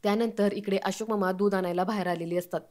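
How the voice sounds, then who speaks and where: Flat-voiced woman retelling a serial. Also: mid-range voice, fast talker. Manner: steady, plain storytelling. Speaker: narrator.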